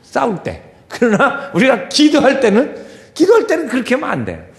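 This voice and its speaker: A male pastor preaching a sermon, dropping to quiet murmurs and rising to shouted pleading as he acts out prayers. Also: mid-range voice, creaky, big-room sound.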